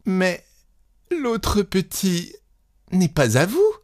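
A man's voice: sits high, wildly swooping pitch, drawn-out words, a little mellow, no echo, studio quality, voice pushed up, heavily acted. A man voicing a spoiled young wealthy wife who pleads in a trembling, breathless voice. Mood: tearful.

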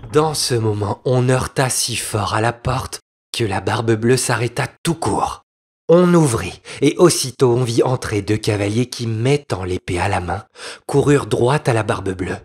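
A man reads a fairy tale aloud in a husky, breathy voice. He takes his time, letting each phrase rise and fall with lively pitch. Expressive storybook narration. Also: unhurried. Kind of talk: storybook reading.

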